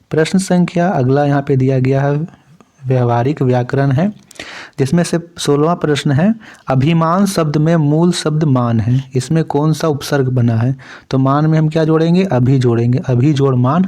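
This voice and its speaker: A man teaching a class, going through model exam questions one by one. His delivery is slow and deliberate, and his voice has a mellow, relaxed tone. He poses each question, lists the options and answers it himself. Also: medium pitch. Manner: reads a poem aloud, then asks quiz questions and answers them himself. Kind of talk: exam answer walkthrough lesson.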